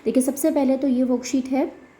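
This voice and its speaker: A woman talks parents through worksheets in a mellow, slightly high voice. She pauses often and mixes English into her speech. A faint hum of room ambience sits under her voice. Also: steady tone. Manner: hesitant, many fillers, mixes English into Hindi. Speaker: special education channel host.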